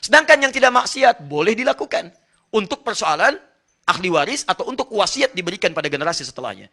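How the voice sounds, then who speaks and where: A male preacher lectures with bright, forceful energy and a rather high voice. He explains point by point and turns often to address his listeners directly. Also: very animated, quick pace, vocal fry. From Indonesia. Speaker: Islamic preacher. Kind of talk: religious lecture.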